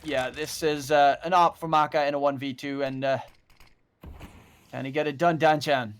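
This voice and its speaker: A man giving live esports match commentary as a caster, lifting excitedly on key plays. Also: on the high side, normal speed, clear, resonant tone. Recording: faint game noise and gunfire.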